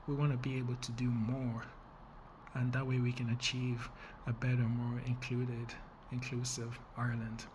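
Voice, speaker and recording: Young guy from the congo pitching his nonprofit, earnest, kinda flat, bit of hiss behind. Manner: earnest, measured, with fillers and small restarts. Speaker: nonprofit founder. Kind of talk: funding pitch video.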